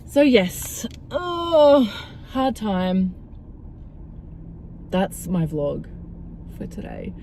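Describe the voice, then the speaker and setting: A woman's voice: medium pitch, very animated, drawn-out words, creaky, pauses often, dark tone. A young woman, stressed and tearful, crying as she talks through a weary, rambling, self-deprecating confessional vlog in a car. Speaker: vlogger and mother. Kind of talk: casual confessional vlog rant. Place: inside a car. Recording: car interior with vehicle noise.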